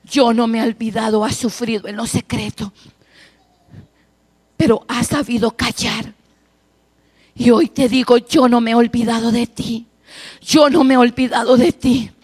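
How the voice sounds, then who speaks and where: Fervent woman prophesying in a sermon, somewhat high-pitched, repeating her declarations. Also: fairly even intonation, measured pace, long pauses, breathy edge. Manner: fervent, swells loud then drops to a hush; repetitive, chant-like declarations. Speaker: prophetic preacher. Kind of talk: prophetic sermon speaking as God.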